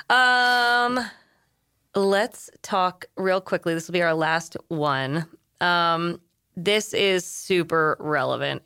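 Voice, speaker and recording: A woman's voice: low voice, a bit bright, smooth. A woman in her thirties, an HR consultant co-hosting a casual podcast, plain-spoken and keeping the talk moving. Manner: plain-spoken, moves the conversation along.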